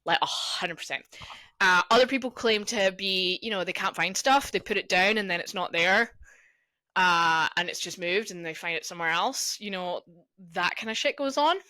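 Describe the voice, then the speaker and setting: A woman's voice: mid-range voice, moderate pace, pushed and bright, no room sound. A young adult woman co-hosting a casual podcast chat. She tells stories and swears freely. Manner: chatty storyteller, swears freely. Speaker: podcast co-host.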